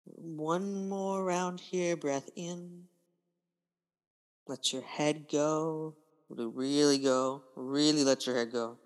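A woman with a low voice leads a yoga class as the instructor. She gives calm, unhurried cues in short phrases at a very slow pace, and the sound carries a long reverb. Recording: long reverberant room echo.

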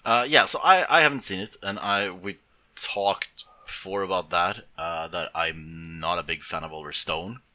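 A man's voice: sits low, normal speed, bright, forceful tone, lo-fi sound. A man co-hosting a podcast in a casual, hesitant way, often restarting and breaking up his sentences. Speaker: podcast co-host. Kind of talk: casual film discussion.

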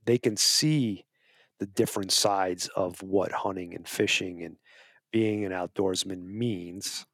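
Man with a lowish voice, a podcast guest making his case earnestly, restarting his phrases, recorded dry. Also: slow pace, a bit bright, husky, dry recording. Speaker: wildlife advocacy guest. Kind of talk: casual interview talk.

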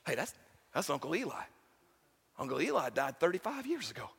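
A man preaching a sermon, folksy and talking of y'all, swinging from soft asides to shouted climaxes. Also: fairly high pitch, sing-song, brisk, creaky, slightly rough. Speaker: pastor. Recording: long hall reverb.

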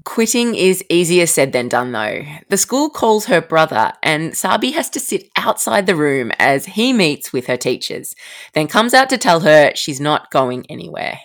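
Low-voiced, lively podcast host woman. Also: normal speed. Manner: expressive, storytelling delivery. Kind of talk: scripted podcast narration.

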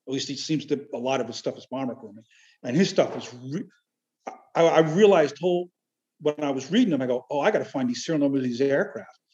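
A man talking casually in an interview, halting and rambling but enthusiastic. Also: mid-range voice, animated, a little mellow. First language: Chiac French. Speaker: amateur military history researcher, podcast guest. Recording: dull, lo-fi audio.

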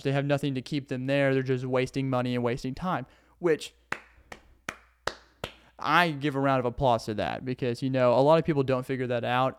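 Sitting on the floor indoors, the young Arkansan podcast host speaks in a clear, resonant, medium-pitched voice with his Southern accent. He rambles in an earnest way and laughs frequently on his solo show, recorded dry at studio quality.

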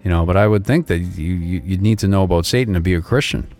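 A man in a casual faith discussion, animated, repeating himself and laughing often. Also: low voice, fast talker, faint music behind. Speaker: co-host.

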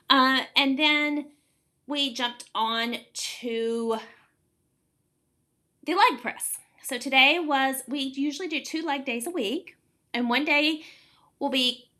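A woman in her late forties with a bright, forceful voice pitched on the high side. She talks casually as a podcast host and coach, encouraging listeners and repeating words for emphasis. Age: late 40s. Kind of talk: casual explanatory podcast talk.

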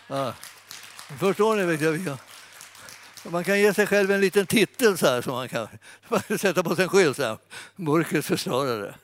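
A man giving an informal sermon, chatty and animated, speaking straight to his listeners. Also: high-pitched, slight background noise. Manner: conversational, animated, fillers and restarts, addresses audience. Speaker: preacher.

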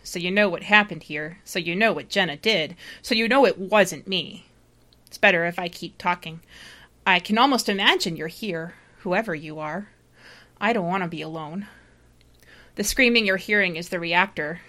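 A woman playing a panicked, doomed lighthouse keeper in space, delivering a halting, confessional distress-call monologue. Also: lowish voice, sharp tone. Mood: anxious, despairing. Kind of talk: dramatic first-person monologue read aloud.

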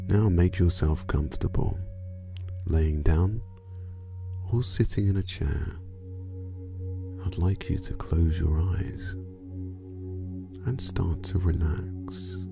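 A meditation guide with a low-pitched voice leads a sleep meditation in a soothing, hypnotic way, drawing out phrases and letting their endings fall soft and breathy.

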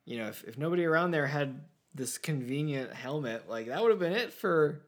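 A man's voice: fairly high pitch, animated, brisk. A man co-hosting a casual movie discussion podcast, rambling and full of filler words. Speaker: podcast co-host.

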